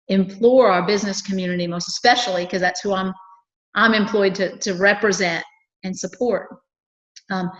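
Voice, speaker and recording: A woman's voice: medium pitch, fairly bright tone, muffled recording. A woman from a chamber of commerce, talking earnestly and cheerfully in a local cable TV interview, with lots of fillers and restarts.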